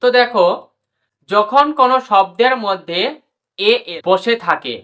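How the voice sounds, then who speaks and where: A woman teaches an English pronunciation lesson, spelling out letters, drilling words and repeating each rule. She calls her viewers brother and sister. Her medium-pitched voice is fairly bright and a little slow.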